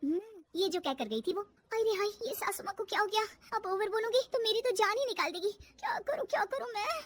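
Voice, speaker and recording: A woman's voice: very high voice, lively intonation, brisk, voice pushed up. A woman voicing a meek, giggly young daughter-in-law in a storybook tale. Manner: giggly, soft-spoken. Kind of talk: storybook character voice.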